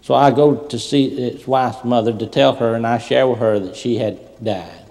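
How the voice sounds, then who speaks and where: Preacher in a reverberant church. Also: male voice, mid-range voice, fairly even intonation, normal speed. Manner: storytelling with swings from loud preaching to soft asides. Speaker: pastor. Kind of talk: sermon. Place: large church sanctuary. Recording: long hall reverb.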